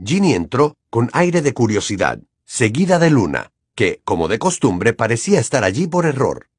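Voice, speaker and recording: A man narrating a dramatized audiobook in an even storytelling delivery. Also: medium pitch, normal speed, husky, no echo, studio quality.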